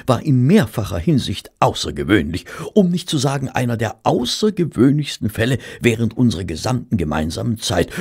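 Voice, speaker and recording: In an audio drama, an actor voices a courteous, reverent gentleman who recounts his detective friend's cases. His voice is low, gravelly and exaggerated, and his formal, measured delivery uses dramatic pauses. The mood is polite and solemn.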